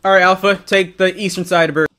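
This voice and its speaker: A man with a somewhat high-pitched voice briefs trainees in a military simulation game. He explains procedures in a directive, informal way, correcting and quizzing as he goes. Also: little pitch movement, fast talker, bright, forceful tone. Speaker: military-sim drill instructor. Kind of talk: instructional briefing in game roleplay.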